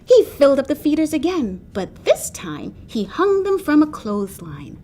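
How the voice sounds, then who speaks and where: A woman reading a children's picture book aloud with expressive, animated storytelling. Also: high voice, moderate pace, a little hiss or hum. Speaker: storybook reader.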